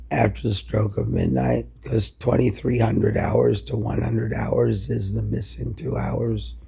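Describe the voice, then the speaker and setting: A man giving a spoken dictaphone-style log of dates and times, halting, deliberate and correcting himself. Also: fairly low pitch, gravelly, warm tone, slightly rough.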